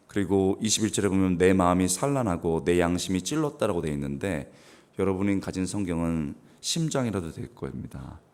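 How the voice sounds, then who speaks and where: Deep-voiced man preaching with dramatic swings. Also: darkish tone. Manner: preaching with dramatic swings, sudden raised exclamations; clears throat now and then. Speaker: guest pastor. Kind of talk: revival sermon.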